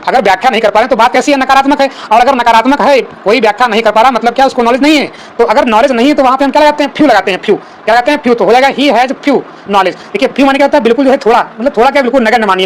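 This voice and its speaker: A teacher races through an exam-prep grammar lesson at a very rapid clip. The speech is full of rhetorical questions and one filler word repeated again and again. The English practice questions are read out slowly and deliberately. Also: medium pitch, slight background noise.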